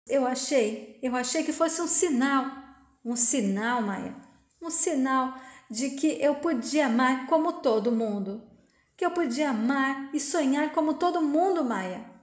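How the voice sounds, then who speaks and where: Um rapaz apaixonado e desesperado implora perdão, lido por uma mulher de voz aguda em tom lento e sincero. O som tem eco de sala. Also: female voice, high voice, lively intonation. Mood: pleading. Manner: plain reading of quoted dialogue, slow and earnest. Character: young man, heartbroken and pleading. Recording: roomy echo.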